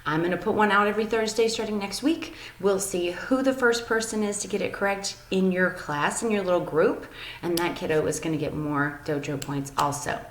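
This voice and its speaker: A woman's voice: mid-range voice, steady tone, a little fast, a little hiss or hum. A woman teacher giving an upbeat, chatty daily video lesson to young students, with many ums. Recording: echoey room.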